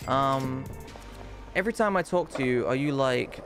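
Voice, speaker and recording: A man's voice: medium pitch, lively intonation, moderate pace, a bit bright, soft background music. A male streamer chatting casually on a live stream. He talks bluntly and swears when annoyed.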